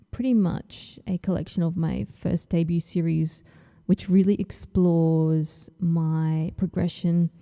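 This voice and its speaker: A woman's voice: lowish voice, warm tone. An Australian woman hosting her own livestream in a casual, chatty way, a little nervous and full of ums as she talks and draws. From Tasmania, Australia. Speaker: comic artist hosting her launch stream. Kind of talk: casual livestream chat while drawing.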